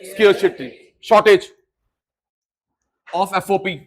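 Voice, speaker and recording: Man, middle-aged teacher, high pitch, energetic call-and-response lecturing in Hindi-English mix. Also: slow pace. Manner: energetic, drills students with call-and-response repetition; mixes Hindi and English terms. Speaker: economics teacher. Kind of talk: live class lecture.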